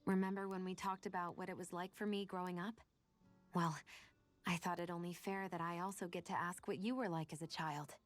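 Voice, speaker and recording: An actress playing a reserved but caring young woman companion in a game, asking gentle questions. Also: lowish voice, fairly even intonation, fairly quick, soft background music, lightly acted. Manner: soft-spoken, probing, gentle. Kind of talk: game voice acting.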